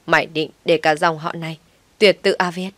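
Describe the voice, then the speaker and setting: A loud, scolding older mother-in-law from a storybook, domineering and scornful, as a woman narrator puts her on. She sits a touch low and belts her lines in a close, dry sound. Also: fairly even intonation, normal speed, no echo. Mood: furious. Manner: shouting, scolding. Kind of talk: audiobook story reading.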